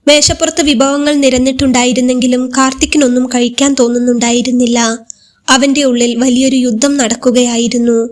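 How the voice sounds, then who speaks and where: A woman storyteller giving a steady, scripted narration of a love story. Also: high voice, fairly quick.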